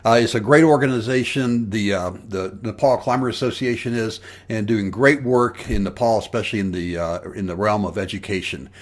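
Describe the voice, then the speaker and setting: A man's voice: on the low side, brisk, hardly any pauses. A man, a mountaineer, giving a friendly, sincere video greeting.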